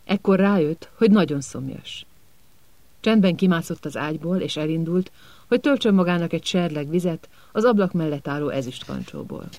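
A man narrating an audiobook in a calm, measured storytelling manner. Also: fairly high pitch, no room sound.

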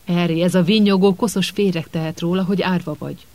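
A man's voice: high-pitched, no echo. A man voicing a furious, vengeful grown male wizard who hisses his words. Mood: grim. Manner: hissing, seething.

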